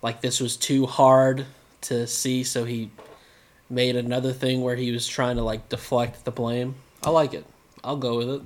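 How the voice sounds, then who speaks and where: A man's voice: medium pitch, moderate pace. Casual man recapping an anime episode. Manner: animated, joking asides. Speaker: podcast co-host.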